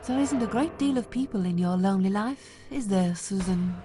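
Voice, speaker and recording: A woman's voice: medium pitch, normal speed, close to an everyday voice. An actress voicing a sinister, controlling otherworldly woman in a video game, solemn and menacing. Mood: commanding, vengeful.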